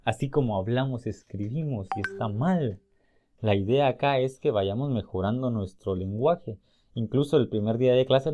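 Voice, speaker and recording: A man's voice: mid-range voice, mellow. Man teaching a spelling lesson. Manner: explains step by step, slowly sounding out example words. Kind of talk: recorded spelling and grammar lesson.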